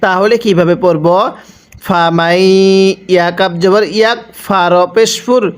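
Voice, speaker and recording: A Bangladeshi man teaching Quran reading, with a smooth, resonant voice pitched fairly high. He spells out each letter slowly, stretches the recited words, and has the listeners repeat after him. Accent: Bangladeshi Bengali.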